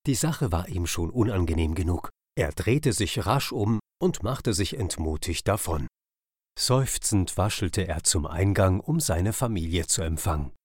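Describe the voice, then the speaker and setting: Male storyteller for kids' audiobook: deep-ish voice, bouncy, expressive delivery. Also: a little slow, husky, dry recording, studio quality. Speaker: narrator. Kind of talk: children's story reading.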